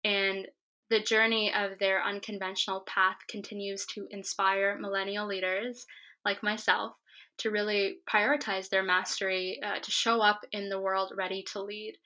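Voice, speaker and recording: A woman podcast host welcomes her guest and reads a long introduction. Her delivery is even and steady, with little rise and fall in pitch. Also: normal speed, low-quality recording. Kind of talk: podcast interview, reading an introduction.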